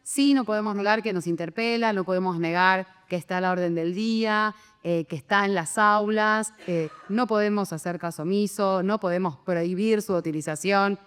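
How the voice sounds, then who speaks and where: A woman, a law professor, giving measured remarks on a panel. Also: medium pitch, steady tone, clear, resonant tone, long reverb tail. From Argentina.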